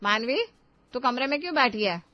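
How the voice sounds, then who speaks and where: A woman's voice: a little high, brisk, no echo, natural voice. A woman voicing a stern, nagging middle-aged mother-in-law who scolds her daughters-in-law sharply, in a dull lo-fi recording. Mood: scolding. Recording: dull lo-fi sound.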